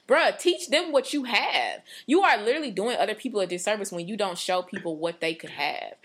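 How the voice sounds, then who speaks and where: A medium-pitched female voice, animated and a little fast. In a casual faith conversation on her podcast, this co-host in her late twenties talks earnestly and at length, rambling with many "like"s, fillers, and restarted sentences.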